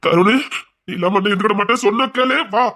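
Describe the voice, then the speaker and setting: A man's voice: sits high, fast talker, bright, forceful tone. An actor playing an anguished man who keeps begging someone to come inside, in melodramatic acting with a Tirunelveli Tamil accent. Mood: pleading. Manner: pleading, repeatedly calling out. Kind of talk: melodramatic web-series acting.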